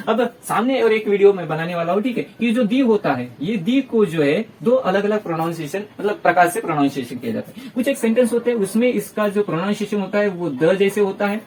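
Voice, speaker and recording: A man's voice: high voice, recorded from a distance, a little hiss or hum. A man with an Indian accent teaching a grammar lesson in Hindi mixed with English, repeating example words and asking rhetorical questions. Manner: checks in with frequent rhetorical questions.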